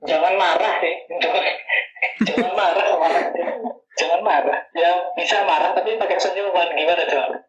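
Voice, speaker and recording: A man who teaches kindergarten, a podcast guest telling his story in animated casual chat and laughing easily. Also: high voice, a little fast, roomy sound, dull audio.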